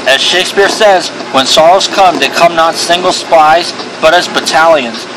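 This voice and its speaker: A man acts out a zealous mad monk from a detective game, preaching in grand, deliberate phrases. The voice sits a little high, over clear background noise. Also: close to an everyday voice. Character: fanatical righteous monk relishing disorder.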